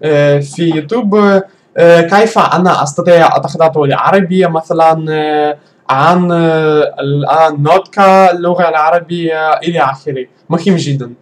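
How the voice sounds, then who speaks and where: A man who is not a native speaker, talking slowly in beginner's Arabic with many fillers and pauses as he searches for words. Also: fairly high pitch. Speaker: language learner vlogger. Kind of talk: halting casual talk in a learner's Arabic.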